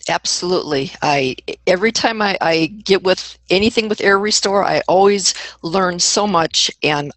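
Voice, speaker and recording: A woman's voice: fairly low pitch, normal speed, hardly any pauses, fairly bright tone, no echo, poor audio. Eager chatty woman on a call. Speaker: webinar participant. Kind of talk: casual online meeting talk.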